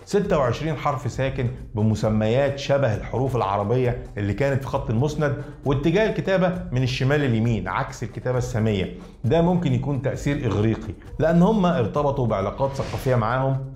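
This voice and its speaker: A man's voice: mid-range voice, a little mellow, roomy sound. A man with an Egyptian Arabic accent giving a scripted educational narration, explaining things and addressing the listeners directly.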